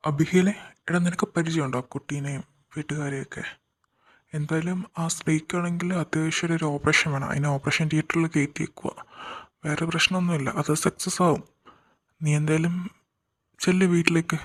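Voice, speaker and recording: A man acts out a scheming, gruff male accomplice in a fan audio drama. His voice is a touch high, and he talks bluntly, brushing off worries in a shady tone. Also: steady tone, brisk, lightly acted. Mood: calming.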